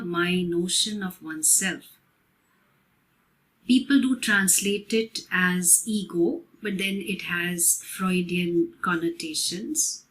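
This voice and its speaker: A woman teaches at a spiritual festival, taking her time over every phrase. Her pitch sits in a middle range and her delivery is gentle and devotional. She explains each idea carefully, the way a teacher walks a group through new terms. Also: low-quality recording. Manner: measured, explanatory, unhurried.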